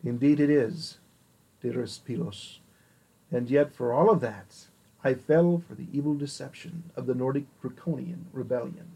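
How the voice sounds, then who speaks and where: A man voicing a repentant male king who speaks in a measured, confessional way in an audiobook reading. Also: mid-range voice, creaky, mellow, slightly rough, low-quality recording. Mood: rueful. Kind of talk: audiobook character voice.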